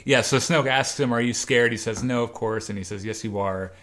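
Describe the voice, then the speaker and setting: A podcast co-host with a fairly low voice speaks a little fast on a casual chat show. He animatedly retells a comic, acting out the characters' quoted lines as he goes.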